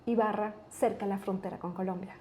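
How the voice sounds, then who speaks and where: An Ecuadorian woman, a company executive appearing as an interview guest, tells family stories in a mid-range voice at a brisk pace. She is relaxed and anecdotal, thinking aloud as she goes.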